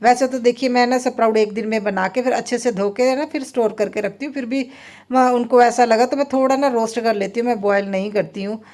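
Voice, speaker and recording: A woman's voice: on the high side, fairly even intonation, quick pace, darkish tone. A woman in her thirties, a mother and vlogger, chatting through a casual voice-over about her day at home. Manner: chatty, rambling, many fillers. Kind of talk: casual voice-over vlog narration. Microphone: phone voice-over.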